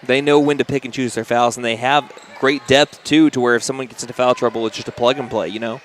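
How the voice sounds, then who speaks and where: Oklahoma guy doing radio play by play, fast chatty calls, a little gym noise behind. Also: medium pitch, steady tone. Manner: quick, chatty, jokey asides. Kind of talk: play-by-play commentary.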